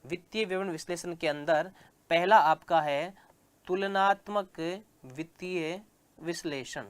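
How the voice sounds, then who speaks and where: This is a male commerce teacher lecturing, his voice a little high, clear and resonant. He goes over key terms slowly and answers the questions he puts to the class.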